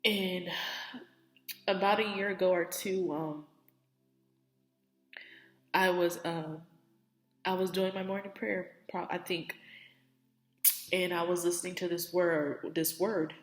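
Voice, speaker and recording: Teary young woman rambling about faith, lowish voice, like and you know everywhere, echoey room. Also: fairly even intonation, takes it slowly, long pauses, faint music behind. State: teary, on the verge of crying. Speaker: faith vlogger. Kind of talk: emotional personal testimony.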